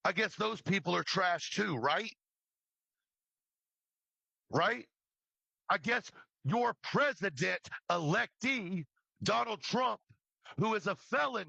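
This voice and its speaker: A man who makes true crime livestreams delivers an impassioned, scolding rant at someone who isn't there, swearing freely and hammering home repeated phrases. His voice is high, creaky, pushed and bright. The recording is rough, with no room sound.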